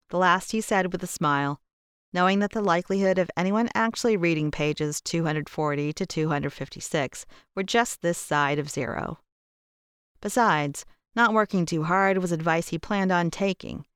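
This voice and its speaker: Clear low-voiced woman narrator. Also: moderate pace, a bit bright, no echo, clean studio sound. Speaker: audiobook narrator. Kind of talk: scripted narration.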